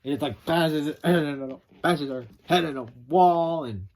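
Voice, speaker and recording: A man casually retelling a film's plot as a reviewer, rambling and animated, acting out quotes with some swearing. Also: on the high side, slow. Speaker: film reviewer.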